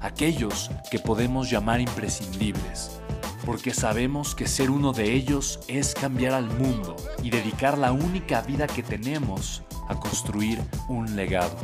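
A man reads a podcast opening in a steady, inspirational voice at an ordinary pitch. His words are scripted and even. Clear music plays under the whole voice-over. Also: measured pace. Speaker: podcast host. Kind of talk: scripted podcast intro narration. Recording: intro voice-over with music behind.

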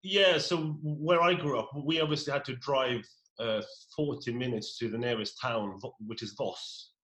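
Halting Norwegian-born man telling his story. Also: mid-range voice, fairly bright tone, poor audio. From Norway. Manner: halting, many repeated words. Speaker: pub owner guest. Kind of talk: casual interview.

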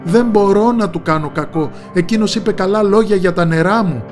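A man's voice: high-pitched, music in the background, voice pushed up, lightly acted. A man voicing a magic talking lake that speaks in a raised, firm way.

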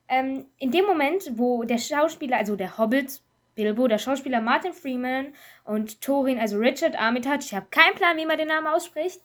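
A woman co-hosting a podcast in casual chat, talking in an animated, rambling way and laughing often. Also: sits high. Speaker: podcast co-host.

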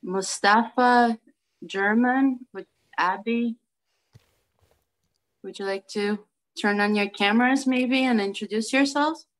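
Co-hosting a video call meetup, a Brooklyn, New York woman speaks in a fairly high voice, slowly and with long pauses. She's friendly and informal, full of fillers and restarts, and the recording quality is low.

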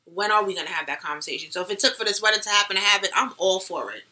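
Bright-voiced, animated young woman co-host. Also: mid-range voice, rapid-fire, poor audio. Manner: animated, slangy, laughs often. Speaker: podcast co-host. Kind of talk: casual chat.

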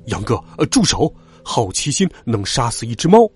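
A man voicing a fussy, fanciful father who speaks in a hushed, secretive way. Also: mid-range voice, big pitch swings, moderate pace, slightly rough. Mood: worried.

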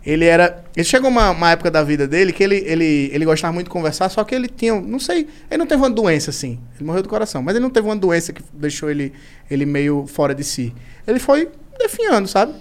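Fast-talking high-voiced Brazilian man. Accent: Brazilian Portuguese. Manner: animated storyteller, imitates relatives' voices. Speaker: podcast guest, comedian. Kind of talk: casual chat, storytelling.

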